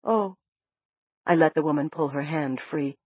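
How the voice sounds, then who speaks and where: A woman narrating a science fiction audiobook in first person, expressive and coaxing in her character's dialogue. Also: sits low, brisk, slightly rough, no room sound, narrow, tinny audio.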